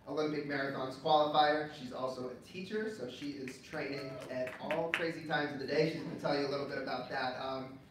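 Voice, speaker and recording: A man's voice: mid-range voice, steady tone, brisk, few pauses. Man hosting in an echoey hall. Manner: upbeat, announcing, some fillers. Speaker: event host. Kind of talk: live event introduction. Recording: echoey, distant mic, noisy ambience.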